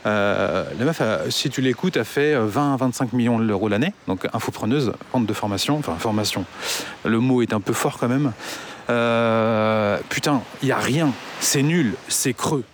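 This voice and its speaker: A man's voice: medium pitch, normal speed, a little hiss or hum. A man ranting casually to his audience, blunt and full of swearing and hesitant fillers. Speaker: online business commentator. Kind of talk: casual rant to camera.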